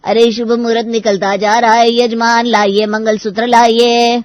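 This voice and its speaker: A woman's voice: a little high, little pitch movement, measured pace, no room sound, natural voice. Woman voicing an impatient wedding priest. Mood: insistent.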